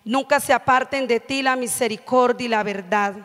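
A woman's voice: fairly high pitch, moderate pace, a bit bright. A middle-aged woman preaching a sermon at a church pulpit with a handheld mic, earnest, often checking in with the congregation. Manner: earnest, frequent "amén" and "¿sí?" checks. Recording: long hall reverb.

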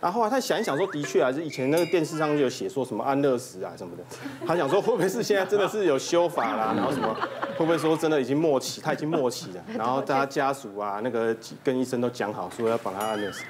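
A man's voice: mid-range voice, noisy background. A man, a doctor, telling a comic story about a patient and imitating the people in it. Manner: lively, imitates patients, rushed delivery. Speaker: doctor guest.

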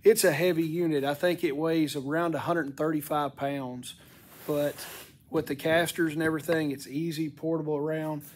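Middle aged guy doing a casual product review, kinda high voice, stuffy n cracking, plain spoken folksy. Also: fairly even intonation, normal speed. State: congested, voice cracking from sinus infection and allergies. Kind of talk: casual unscripted product walk-through. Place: indoor wooden-shelved workshop.

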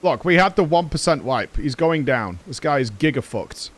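A man streaming a video game over a headset mic, reacting excitably and swearing often as he plays. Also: fairly high pitch, normal speed. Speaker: livestreamer playing a video game. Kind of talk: live gameplay commentary. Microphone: livestream headset mic.

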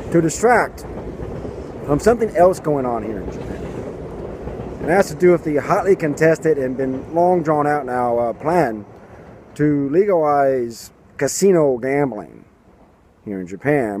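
With a noisy background, a man in his thirties in a mid-range voice delivers sarcastic political commentary outdoors by a garden and building. He holds the camera at arm's length, mocking as he goes and adopting silly voices for quotations.

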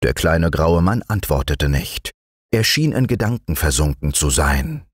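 Slow, expressive male storyteller. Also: rumbling low, breathy edge, no echo, clean studio sound. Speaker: audiobook reader. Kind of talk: scripted bedtime story narration.

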